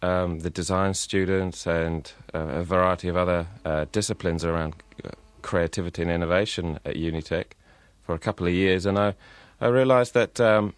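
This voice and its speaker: A man's voice: deep voice, steady tone, normal speed, few pauses, clear, resonant tone, dry recording. A man, a design lecturer, answering radio interview questions in a hesitant way, full of uh and um fillers and an uneven pace. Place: radio studio.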